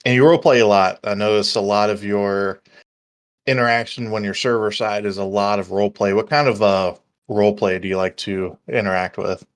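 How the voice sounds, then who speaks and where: Casual low-voiced man hosting a chat. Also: fairly even intonation, fairly quick. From Canada. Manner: casual, playful questioning. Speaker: host. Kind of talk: podcast interview.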